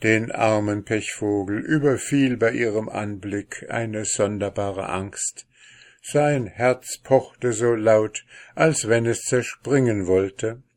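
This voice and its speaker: Slow, unhurried male fairy-tale reader, calm delivery. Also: lowish voice. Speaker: narrator.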